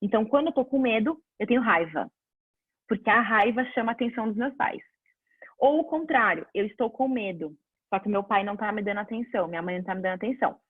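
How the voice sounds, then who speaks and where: Woman teacher, fairly high, breathy voice, dry phone-quality sound, chatty and explanatory. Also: no room sound. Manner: conversational, answers viewer questions, lively examples. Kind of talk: casual online class.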